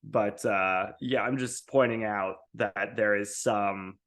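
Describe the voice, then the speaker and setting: A man's voice: lowish voice, steady tone, slow, a bit bright. Rambling, stuffy-voiced male podcast guest. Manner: rambling, many fillers and restarts. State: stuffy from allergies. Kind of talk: casual podcast chat.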